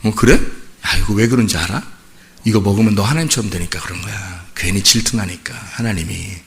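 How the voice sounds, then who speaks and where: A sly serpent murmurs in a low, hushed voice, put on by a man preaching. The tone is soft and coaxing, pitched under his usual sermon voice, and it draws the listener in. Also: brisk, a little hiss or hum, close to an everyday voice. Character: smooth-talking tempting serpent, soft and sly.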